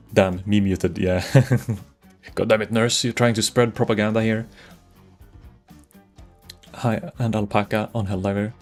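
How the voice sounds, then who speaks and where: Here a Swedish streamer with a lowish, slightly mellow voice and vocal fry rambles through casual chat while gaming. He greets his audience and frequently restarts what he's saying.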